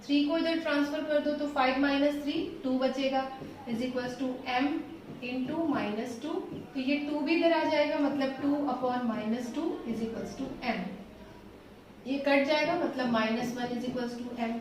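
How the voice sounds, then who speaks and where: A woman math teacher explaining solutions step by step, patient and reassuring, slowing down as she writes. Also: high-pitched, steady tone, background noise. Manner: patient, reassuring, slows down while writing. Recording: echoey room, voice from a distance.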